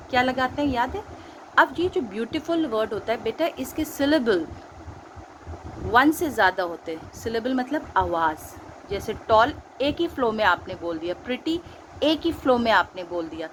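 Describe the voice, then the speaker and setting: Patient Indian teacher, lively high voice. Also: female voice, a little hiss or hum, low-quality recording. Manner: patient explaining, quizzing pupils, mixing Hindi and English. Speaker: school teacher. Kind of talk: recorded online grammar lesson.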